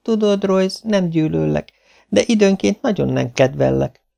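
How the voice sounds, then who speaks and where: A man's voice: animated, vocal fry, dark tone, heavily acted. A male audiobook reader voicing a frightened, stubborn young noblewoman in a raised voice. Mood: protesting. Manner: raised, pleading pitch. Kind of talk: audiobook character voice.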